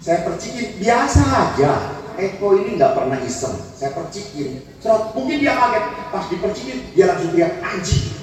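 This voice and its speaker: High-voiced priest preaching in an echoey church. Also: male voice, normal speed. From Indonesia. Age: 50s. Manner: humorous storytelling with lively acted-out quotes. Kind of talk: sermon. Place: large church. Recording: echoey church hall, from far off, faint noise.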